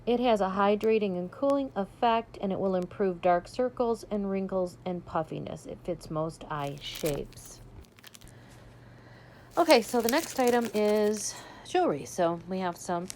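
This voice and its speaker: A woman's voice: medium pitch, lively intonation, a little slow, darkish tone, a little hiss or hum. A woman chatting casually as she unboxes a subscription box, describing each item as she pulls it out. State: hiccuping. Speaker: unboxing vlogger.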